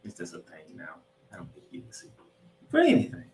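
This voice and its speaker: A man hosts a sports podcast, delivering football preview commentary like an announcer and calling his listeners ladies and gentlemen. His low voice swings hugely in pitch and runs a little fast. The recording is roomy and echoey, he sits distant from the mic, and there is slight background noise.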